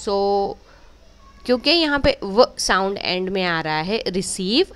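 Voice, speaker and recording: A woman teaches spelling to kids, explaining each word in slow, even steps. Her voice is smooth and crisp. She speaks at an unhurried pace, like a patient teacher. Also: medium pitch. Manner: clear, careful teacher-like explanation, slow drawn-out English words. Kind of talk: bilingual spelling lesson.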